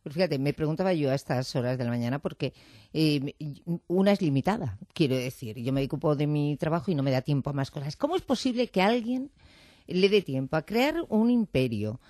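A woman's voice: low-pitched, expressive, a little fast, warm tone, no room sound. A woman interviewing a guest in a studio, chatty and teasing. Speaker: radio interviewer. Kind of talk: casual interview.

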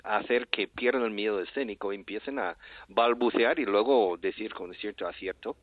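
An older Texan man with a marked American accent, speaking Spanish as a second language on a radio call. His voice sits low and comes through a narrow, tinny phone line, dry and close, with no room sound. He rambles animatedly and restarts his phrases often. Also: normal speed, no echo. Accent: American English accent in Spanish. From Texas, USA. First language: English. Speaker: guest, English-teaching entrepreneur. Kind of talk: radio interview.

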